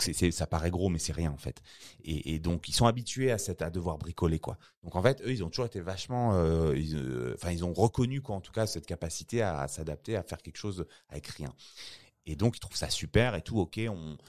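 Homme à la voix très grave, bavard. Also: male voice, low-pitched, expressive, quick pace, darkish tone. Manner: slangy, rambling with many fillers and restarts. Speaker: filmmaker guest. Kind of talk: casual interview chat.

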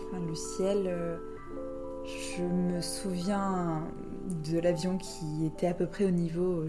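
A woman from France, host of a podcast, telling a personal travel story in a reflective, hesitant way with frequent fillers. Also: fairly low pitch.

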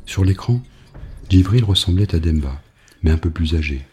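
A man reading an audiobook novel in a grave, measured narration. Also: low-pitched, a little mellow, husky.

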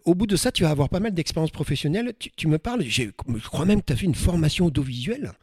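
A man's voice: fairly high pitch, lively intonation, fast, a little mellow, breathy edge, no echo, studio quality. A man hosting an interview, enthusiastic and encouraging, asking his guest about her path. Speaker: interview host. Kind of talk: conversational interview.

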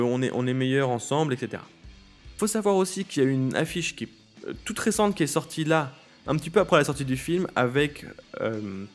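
A man hosting a podcast in casual solo talk, hesitant, with many fillers and restarts. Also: medium pitch. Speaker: podcast host.

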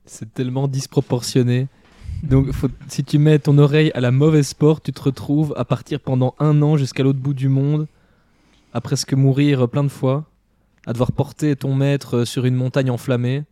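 A man's voice: mid-range voice, little pitch movement, normal speed, warm tone, no echo, clean studio sound. A man in a casual book discussion, making wry, sarcastic remarks. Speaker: podcast co-host.

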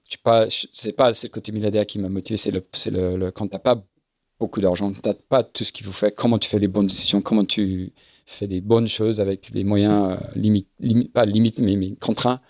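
A middle-aged man, a guest in a casual interview, talking haltingly and searching for his words. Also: fairly low pitch, fairly even intonation, darkish tone, no echo, clean studio sound. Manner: halting, searches for words, repeats himself often. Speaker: guest, sailing event business founder.

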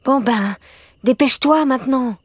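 A woman reading an audiobook and voicing a bold, impatient girl of about twelve who talks briskly and protests. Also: lowish voice, darkish tone, no echo, pitched above the performer's own voice, natural voice. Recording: music playing behind.

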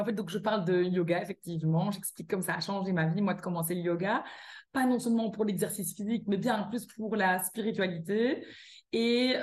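A woman's voice: mid-range voice, a little mellow. A woman with a Belgian French accent, a guest author and yoga teacher chatting casually in an interview, with many fillers and restarts.

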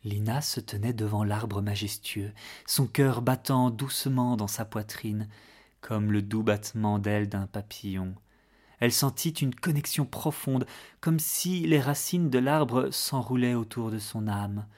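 A man narrating a fairy tale in a gentle, measured way, sometimes dropping to a hush. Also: on the low side. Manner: gentle, measured, hushed at moments. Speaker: storyteller.

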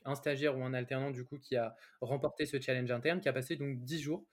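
A man hosting a podcast interview, asking questions in a casual, upbeat way with quick friendly reactions. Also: mid-range voice, steady tone. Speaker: podcast host.

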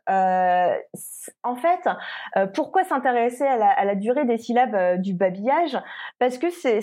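A woman's voice: fairly high pitch, mellow. A woman, a linguist researcher answering interview questions carefully, with frequent hesitations and restarts.

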